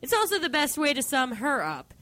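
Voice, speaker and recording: A woman's voice: sits high, huge pitch swings, brisk, bright, forceful tone. A woman co-hosting a comedy radio show, teasing and sarcastic in casual banter. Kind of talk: casual comedic banter, reading news aloud.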